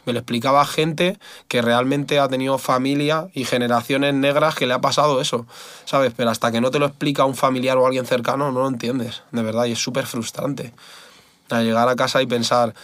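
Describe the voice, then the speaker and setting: Man, fighter guest, blunt casual talk, dry close sound, middle pitch. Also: fairly bright tone, dry recording. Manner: candid and blunt, swears often, says "tío" and "¿sabes?" a lot. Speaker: MMA fighter, podcast guest.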